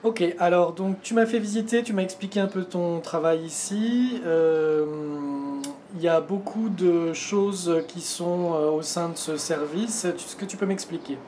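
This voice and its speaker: A man giving a voice-over interpretation of a signed conversation, hesitant and pausing often. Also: sits high, dark tone, slight background noise. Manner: hesitant, many pauses.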